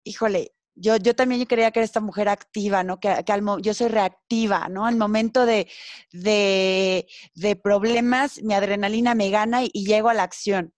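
A woman's voice: mid-range voice, fairly even intonation, moderate pace, no room sound. A woman asking questions in a casual conversation, bringing in her own experience. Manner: questioning, personal.

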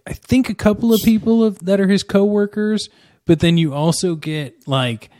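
A man hosting a podcast, asking his guests questions and chatting in a lively, laughing way. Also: high voice, moderate pace, no echo, studio quality. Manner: lively, laughing, animated storytelling. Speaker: podcast host. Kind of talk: casual podcast chat.

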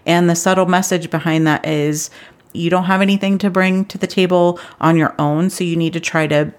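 A woman's voice: on the low side, normal speed. A middle-aged woman hosting a solo podcast for travel agents, talking earnestly and with growing intensity before reining herself in. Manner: earnest and animated, gets intense then reins herself in. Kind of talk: casual solo podcast talk.

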